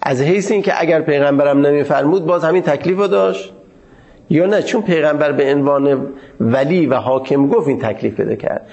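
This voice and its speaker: A man teaching a seminary lecture on jurisprudence in a formal, measured way, pausing often to find his words. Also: on the high side, gravelly, a little mellow, lo-fi sound.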